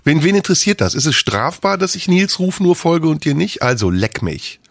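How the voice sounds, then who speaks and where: A man's voice: sits high, brisk, gravelly, dry recording, clean studio sound. A man, a podcast co-host and doctor, in casual banter, sardonic and blunt with mock-grumpy jabs.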